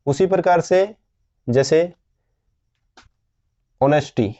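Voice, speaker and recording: A man teaching a grammar lesson at an unhurried, patient pace. He asks his class questions and answers them himself. His voice is mellow and comes through a somewhat dull, lo-fi recording. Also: a little high. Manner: slow, patient explaining with frequent questions to students.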